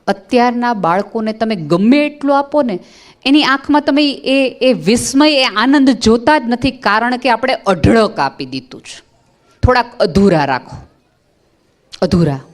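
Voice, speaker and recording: Woman motivational speaker from Gujarat, expressive storyteller who repeats lines for emphasis. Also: on the high side, unhurried. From Gujarat, India. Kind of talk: motivational speech on parenting.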